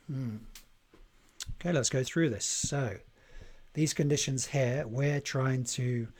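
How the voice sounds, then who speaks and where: Husky man thinking aloud while coding. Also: medium pitch. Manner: thinking aloud, deliberate, chatting to viewers. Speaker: livestream coding host. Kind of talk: live coding tutorial.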